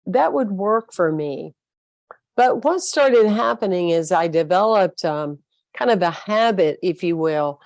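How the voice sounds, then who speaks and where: A woman's voice: lowish voice, darkish tone, dry recording. A woman with a Southern American accent giving an earnest, uplifting inspirational talk as a spiritual speaker.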